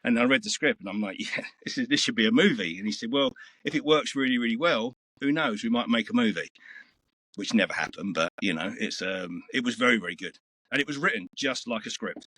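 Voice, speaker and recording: A man's voice: mid-range voice, animated, brisk, bright, forceful tone, no room sound. A middle-aged man, telling stories in a rambling, earthy way as an interview guest. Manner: rambling, earthy storytelling with swearing. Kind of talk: casual interview chat.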